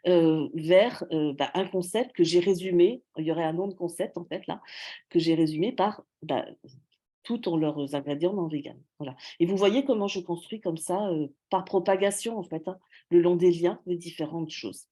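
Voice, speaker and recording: Woman academic presenter, low, warm-toned voice, patient explanatory delivery, frequent hesitations. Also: normal speed. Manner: explanatory, frequent fillers and self-corrections. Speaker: researcher giving a talk.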